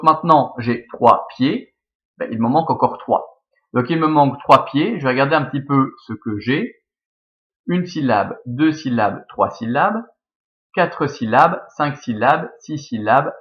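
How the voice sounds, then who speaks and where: A man's voice: mid-range voice, dull audio. A man with a Belgian French accent teaching Latin verse scansion, thinking aloud step by step with many fillers.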